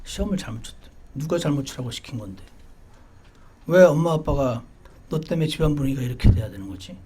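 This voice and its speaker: A man's voice: on the high side, expressive, quick pace, mellow, husky. A male pastor preaching a sermon in a conversational way, acting out quoted voices with humor. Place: church service.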